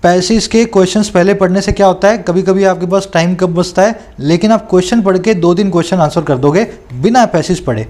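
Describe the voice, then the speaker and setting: High-voiced man teaching exam prep. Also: darkish tone. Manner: explanatory, checks understanding with tag questions; reads English questions aloud slowly, then explains in Hindi. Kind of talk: explaining an exam paper.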